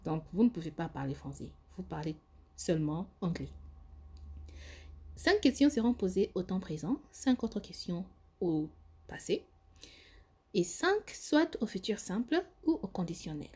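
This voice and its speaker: A woman's voice: fairly low pitch, big pitch swings, darkish tone, breathy edge. Woman teaching English. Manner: slow, careful modelling of English phrases. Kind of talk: language lesson.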